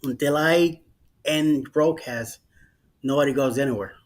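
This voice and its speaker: A slightly high-voiced man hosts a late-night livestream over a video call. He sounds worn out and rambles through schedules with plenty of fillers and restarts. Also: unhurried. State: tired after hours of streaming. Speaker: livestream host.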